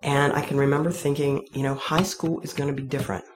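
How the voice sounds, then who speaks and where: Against a noisy background, this woman's bass voice moves quickly with a flat delivery. She is giving a personal testimony to an audience about her faith, frank, wry and self-deprecating.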